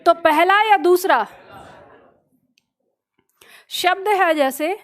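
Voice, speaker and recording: Female teacher, high voice, lecturing at a board and testing students on sounds. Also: drawn-out words. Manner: quizzes students with pronunciation choices; explains at a board with pointing words. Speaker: Hindi teacher. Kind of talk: classroom lecture.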